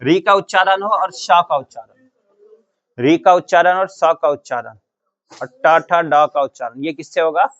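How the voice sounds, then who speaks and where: A man's voice: on the high side, a little slow, a bit bright, dull audio. A male teacher giving a grammar lesson to a class, drilling the students with the same question again and again and giving the answers himself. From Bihar, India. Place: coaching classroom.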